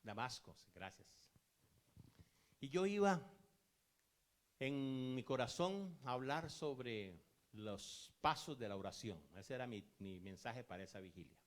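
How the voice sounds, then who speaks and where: A male pastor preaching a sermon in a calm storytelling way, acting out the lines of the people in his stories. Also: mid-range voice, measured pace.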